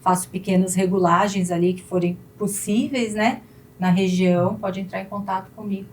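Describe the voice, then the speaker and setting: A woman's voice: mid-range voice, steady tone, normal speed, a little mellow. A Brazilian woman with a Brazilian Portuguese accent, a pianist and piano teacher, chatting as a guest in an interview with frequent fillers. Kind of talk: casual interview chat.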